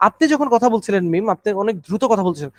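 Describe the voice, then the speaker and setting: A man coaching a speaking class, talking slowly and stressing each word. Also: high-pitched, expressive, no echo. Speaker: IELTS speaking tutor.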